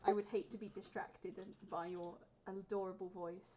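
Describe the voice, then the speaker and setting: A woman's voice: medium pitch, little pitch movement, moderate pace. Woman speaking formally in character. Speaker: player. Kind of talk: in-character roleplay dialogue. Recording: lo-fi recording with clear background noise.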